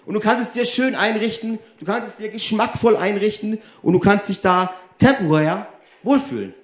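Guy preaching a sermon, fairly high voice, lots of questions thrown at the crowd, echoey room. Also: moderate pace. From Germany. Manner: animated, addresses the audience directly with rhetorical questions.

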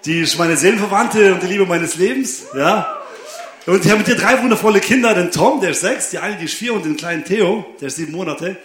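Young man, high voice, laughing storyteller, echoey room. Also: brisk, fairly bright tone. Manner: storytelling, laughing often, tag questions. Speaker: preacher. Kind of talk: lively sermon with personal anecdote.

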